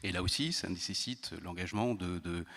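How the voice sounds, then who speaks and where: An intelligence service panelist speaks at a round-table talk in a conference hall, measured and halting, with many hesitations and restarts. His voice is lowish but bright and forceful, and long hall reverb echoes around him.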